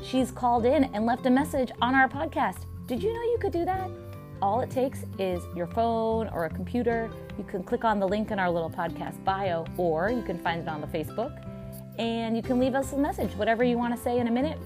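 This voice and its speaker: A woman co-hosting a team podcast, chatting casually in an upbeat way with a loud voice and many fillers. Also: fairly high pitch, fairly quick, music in the background. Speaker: podcast co-host. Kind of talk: casual chat.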